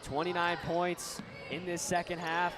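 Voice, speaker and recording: A teenage boy doing student play-by-play commentary for a high school basketball game, getting loud at big moments. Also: unhurried. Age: teens. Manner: excited, rises to loud calls at big moments. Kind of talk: sports commentary. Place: school gym. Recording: noisy gym broadcast.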